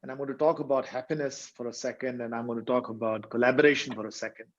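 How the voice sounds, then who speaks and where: A man's voice: medium pitch, steady tone, quick pace. A man co-hosting a webinar over a video call, praising the previous speaker before he gives his points. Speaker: co-host, university leader. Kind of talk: webinar talk. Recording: dull video-call audio.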